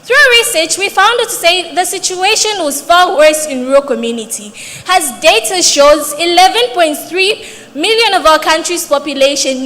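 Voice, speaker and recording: A young woman with a Zambian accent delivers a formal, rehearsed competition pitch as a presenter. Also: fairly bright tone. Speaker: student company CEO presenting. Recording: very reverberant hall.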